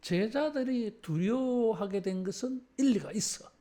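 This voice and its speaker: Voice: mid-range voice, measured pace, dark tone. A pastor preaching a sermon in a conversational way, often tagging phrases with a filler word and asking the congregation to repeat after them. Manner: shifts between formal and casual speech. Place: church service.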